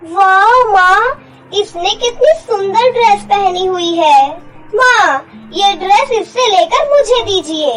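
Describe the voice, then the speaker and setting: A woman's voice: very high-pitched, animated, slow pace, fairly bright tone, soft background music, voice pushed up, heavily acted, rough recording. A woman voicing a spoiled, demanding young stepsister in a cartoon story, whiny in tone.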